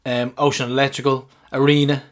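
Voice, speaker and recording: A man's voice: medium pitch, level tone, brisk. A man with an Irish accent chatting casually as a podcast host, informal and full of banter. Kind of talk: casual chat.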